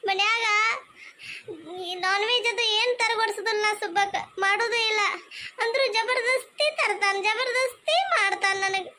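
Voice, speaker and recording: A woman's voice: very high-pitched, pushed and bright, slight background noise. A woman with a North Karnataka accent voicing a devout, childless young wife in a cartoon, tearful and pleading. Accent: North Karnataka Kannada.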